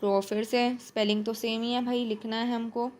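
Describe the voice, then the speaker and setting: A woman from Chhattisgarh, India, giving an exam-prep lecture. She reads English notes slowly, then explains quickly in Hindi, asking and answering her own questions. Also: fairly high pitch, level tone. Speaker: teacher.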